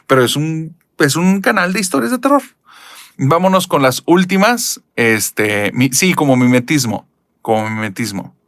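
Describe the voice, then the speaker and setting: A man's voice: no echo, studio quality. A man from Nuevo León with a Monterrey accent, chatting expressively as a channel host while reading viewer comments. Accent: Northern Mexican (Monterrey). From Mexico, Nuevo León. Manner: expressive, chatty, lively pitch jumps.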